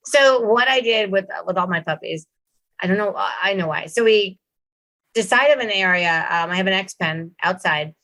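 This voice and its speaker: A woman dog trainer hosting a casual roundtable, telling lively stories and acting out what dogs think. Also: mid-range voice. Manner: animated storyteller, acts out dogs' thoughts in quick voices. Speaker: dog trainer, show host.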